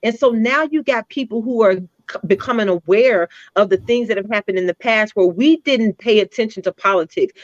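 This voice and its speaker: A woman co-hosting a casual political discussion show, laying out her arguments in a deliberate, opinionated way. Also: medium pitch, highs cut off, slight background noise. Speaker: podcast co-host.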